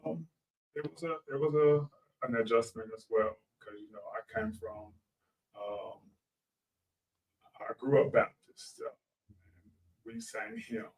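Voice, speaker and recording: A man from Arkansas in the southern United States, a gospel singer and organist, answers interview questions casually as a guest musician, polite, understated and a little hesitant. His mid-range voice is animated yet slow and creaky, with long pauses, picked up on a distant mic in a rough recording.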